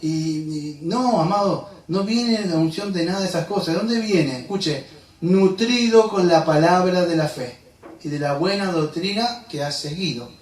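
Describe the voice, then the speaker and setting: A man's voice: sits high, moderate pace. A male pastor preaching a sermon, asking his listeners rhetorical questions and calling them beloved. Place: church sanctuary. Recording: echoey church hall, from a distance.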